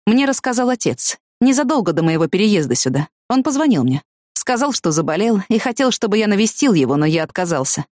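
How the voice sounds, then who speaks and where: A woman reading the lines of a blunt, bitter young man of twenty in an audiobook, in a flat, matter-of-fact way. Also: medium pitch, brisk, no room sound, clean studio sound, close to an everyday voice. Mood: grim.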